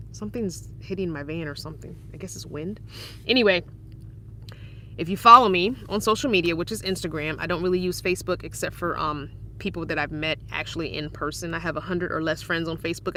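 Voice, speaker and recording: Bright-voiced chatty woman in her forties. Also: mid-range voice. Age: 40s. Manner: chatty and upbeat, laughs often. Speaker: van-life vlogger reading live chat. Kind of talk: casual live-stream chat. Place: inside her parked van.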